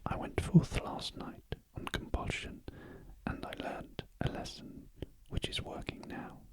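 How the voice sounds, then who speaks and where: A man's voice: measured pace, natural voice, low-quality recording. Man whispering as Scrooge, a humbled British miser. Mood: meek, submissive. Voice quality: breathy whisper. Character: humbled old miser, submissive and meek. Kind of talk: whispered storybook reading.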